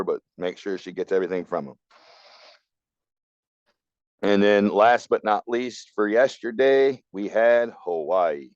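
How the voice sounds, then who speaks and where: A man with a lowish, smooth voice gives blunt, opinionated takes in casual podcast talk. The sound is dry and a little dull, as from a modest lo-fi setup. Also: darkish tone, no room sound. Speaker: podcast co-host.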